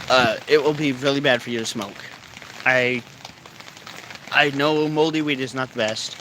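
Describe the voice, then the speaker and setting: A vlogger who is stoned rambles to camera for his viewers, easygoing and wandering in his speech, with a mid-pitched voice. He's outside in cold, rainy weather, and light rain can be faintly heard behind him.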